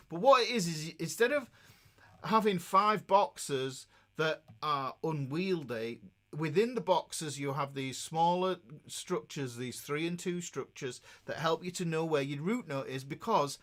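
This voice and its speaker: In an informal instructional session, a guitar teacher demonstrates techniques, keeping things conversational and regularly making sure the listener is following. He sounds animated and fairly bright, with a fairly high pitch and a measured pace.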